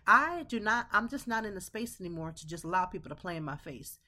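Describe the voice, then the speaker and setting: A woman's voice: lowish voice, fast, fairly bright tone. A woman in her thirties hosting a podcast, speaking in an emphatic, preachy way with slang. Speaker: podcast host. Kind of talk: casual motivational monologue.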